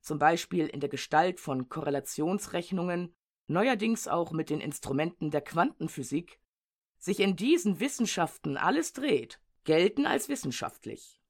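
Woman reading a dense essay, measured. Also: lowish voice, expressive. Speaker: audiobook narrator. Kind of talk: read-aloud essay narration.

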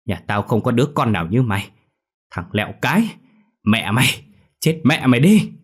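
A man voicing a drunken middle-aged father who shouts curses in a spoken ghost story. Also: medium pitch, big pitch swings, moderate pace, slightly rough, pitched above the performer's own voice. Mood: drunken rage. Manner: shouting, abusive.

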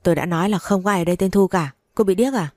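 A woman's voice: lowish voice, very fast, dry recording, close to an everyday voice. A woman voicing an arrogant, cruel jealous wife who speaks scornfully. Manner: scornful, shouting.

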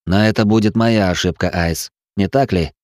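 A man doing a slow, stubborn digital ghost captain. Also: sits low, a little mellow, no echo, clean studio sound, natural voice.

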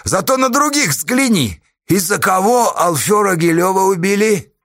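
A man's voice: high-pitched, animated, normal speed, fairly bright tone, no echo, clean studio sound, pitched above the performer's own voice. A man voicing a mocking, devilish male outlaw who taunts and hurls accusations.

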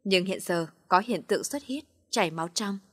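Woman reading as a calm careful male doctor, measured, husky breathy, dry. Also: mid-range voice, no echo. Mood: grave.

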